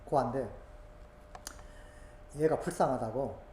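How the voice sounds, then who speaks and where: A woman preaching a sermon full of personal testimony, swinging from hushed asides to loud, emotional exclamations. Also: very deep voice, unhurried. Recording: roomy echo, faint background noise.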